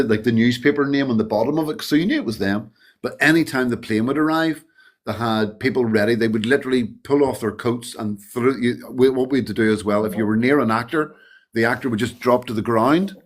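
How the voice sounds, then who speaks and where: A man, a guest telling lively behind-the-scenes stories in casual chat, swearing freely and acting out what others said. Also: medium pitch, a little fast. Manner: animated, swearing, acts out quoted voices. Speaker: interview guest, former extra. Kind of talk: casual storytelling.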